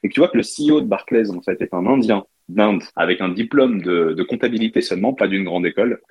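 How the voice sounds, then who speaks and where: A man's voice: fairly low pitch, expressive, quick pace, breathy edge, no echo, highs cut off. A man from France, a startup co-founder, chatting casually as an interview guest, with lots of restarts and fillers. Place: London.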